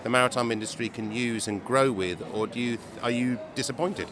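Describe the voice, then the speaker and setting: A man's voice: mid-range voice, fairly quick. A male podcast host asking chatty interview questions, restarting as he frames them. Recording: crowd chatter around the speaker.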